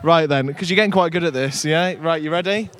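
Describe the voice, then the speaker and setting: A man's voice: on the high side, fairly quick, a bit bright. A man presenting a live local radio broadcast from an outdoor village fair, chatty and upbeat.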